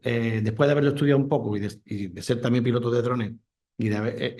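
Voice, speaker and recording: A man speaks at a conference in a mid-pitched voice. He is a commercial airline pilot, and he explains things eagerly with examples. The sound is of a talk in a lecture room. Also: a little mellow.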